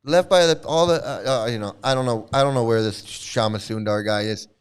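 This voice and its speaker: Ranting in a brisk, clean, mid-range voice, a middle-aged man hosts a commentary channel with casual, profane, scornful remarks. He repeats words and trails off before restarting.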